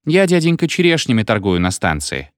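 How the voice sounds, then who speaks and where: A man's voice: mid-range voice, sing-song, fairly quick, smooth, no echo, lightly acted. A man voicing a small, cheeky barefoot boy who sells cherries, in a dry recording. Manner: artless, cheeky. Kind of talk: audiobook character voice.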